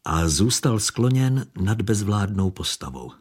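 A man reading a story aloud as narrator, steady and measured. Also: lowish voice, husky. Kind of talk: audiobook narration.

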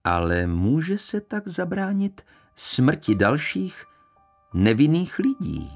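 A man voicing a cautious, hesitant male detective, pausing with little "eh" sounds. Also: on the high side, huge pitch swings, creaky, music in the background, pitched above the performer's own voice, heavily acted. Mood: dry.

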